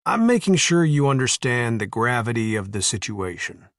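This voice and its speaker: A man's voice: medium pitch, big pitch swings, moderate pace, no room sound. A man voicing a tough ex-soldier in an audiobook, blunt and teasing in a dry way. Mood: wry teasing. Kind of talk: audiobook character voice.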